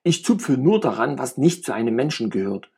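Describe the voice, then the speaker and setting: A man's voice: mid-range voice, very animated, moderate pace, mellow, slightly rough. A man reading aloud and voicing a jovial, talkative middle-aged friend who rambles and teases with cynical humor. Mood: playful teasing. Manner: rambling, playful banter.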